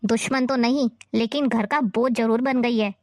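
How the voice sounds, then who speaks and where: A woman's voice: on the high side, fairly even intonation, normal speed, a crowd in the background, lightly acted. A woman playing an older mother-in-law who nags and taunts in a family drama. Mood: scolding. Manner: scolding, taunting. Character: nagging older mother-in-law, harsh and scornful.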